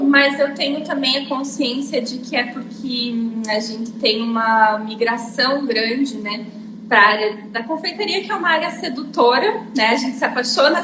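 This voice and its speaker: A woman who teaches pastry, chatting as a guest on a live stream. Her voice comes through a phone with an echo. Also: sits high. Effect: echoey doubled sound over a phone line. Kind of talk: casual live-stream chat. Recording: echoey phone audio with clear background noise.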